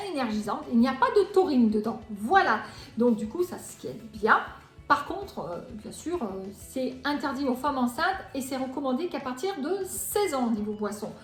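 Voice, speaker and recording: A woman in her forties hosting a cooking vlog, talking casually, chatty and self-mocking, in a home kitchen. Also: high-pitched. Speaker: cooking channel host. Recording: echoey room.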